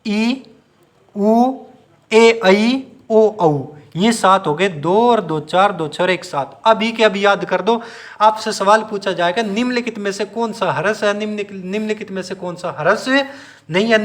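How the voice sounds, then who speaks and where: High-voiced man drilling a lesson. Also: a bit bright. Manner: drills students with repeated questions and answers, stretches sounds to demonstrate. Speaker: Hindi teacher for exam students. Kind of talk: classroom-style video lesson.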